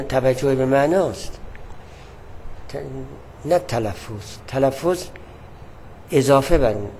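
Man giving a measured religious lesson. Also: mid-range voice, mellow, slight background noise. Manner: measured, explanatory, repeats key points. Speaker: teacher.

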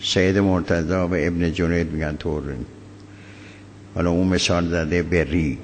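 A deep, gravelly man delivers a religious law lecture, measured and halting, often stopping mid-thought. His voice rings with a long hall echo over a faint hum of ambience. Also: little pitch movement. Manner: measured, halting lecture with many pauses and fillers. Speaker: cleric teaching jurisprudence.

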